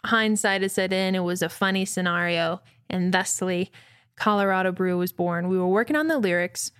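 Woman musician telling a wild tour story, lively, acts out everyone, dry close sound. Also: on the low side, normal speed, smooth, no echo. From New Mexico. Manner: lively, acts out quotes with voices. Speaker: musician guest. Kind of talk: animated storytelling in an interview.

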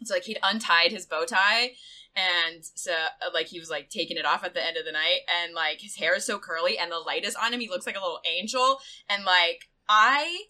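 A woman co-hosting a casual podcast chat, gushing and rambling with lots of "like," dropping into soft asides and then rising into excited outbursts. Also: on the low side, fairly quick, rough recording. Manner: swings between soft asides and excited shrieks. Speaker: podcast co-host.

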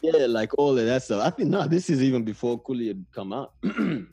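A man's voice: mid-range voice, expressive, fairly quick, lo-fi sound, a loud crowd. A man in his thirties from Namibia with a Namibian accent, telling stories in a laid-back, rambling way during a casual conversation. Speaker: guest.

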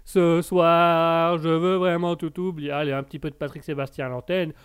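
High-voiced playful male radio host. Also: steady tone, quick pace, clean tone. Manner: playful, jokes with his own made-up characters; hesitant, with many fillers and restarts. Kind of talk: casual live call-in chat.

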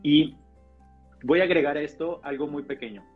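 A man who is a pastor, sharing a personal testimony in a casual podcast conversation, animated and acting out the dialogue. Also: a little high, moderate pace, breathy edge. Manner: animated storyteller, acts out dialogue. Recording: slightly dull podcast audio with faint guitar music.

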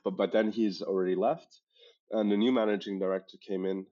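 This startup founder, a Hong Kong native with international school English, tells stories in conversational answers as an interview guest. He has a deep, warm voice with fairly even intonation, though his speech halts, corrects itself and lands with emphasis. It's captured in dull, lo-fi podcast sound.

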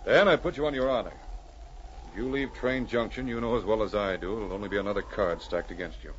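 An actor playing a firm, level-headed Mountie sergeant in an old radio drama, speaking with measured authority. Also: male voice, lowish voice, natural voice. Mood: calm, firm. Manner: measured, authoritative, shouting commands to sled dogs. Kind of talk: 1940s radio drama acting. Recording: muffled, noisy old radio broadcast recording.

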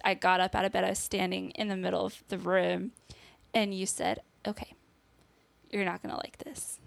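A woman's voice: mid-range voice, gravelly, no room sound. A young woman guest on a podcast, telling a personal story in casual conversation, laughing nervously and acting out what people said. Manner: acts out quoted dialogue.

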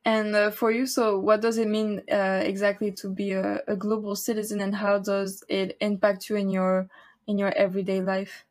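A woman's voice: medium pitch, little pitch movement, normal speed. A woman hosts a podcast interview in a friendly, conversational way. She hesitates now and then, repeating words and leaning on fillers as she frames her questions. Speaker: podcast host.

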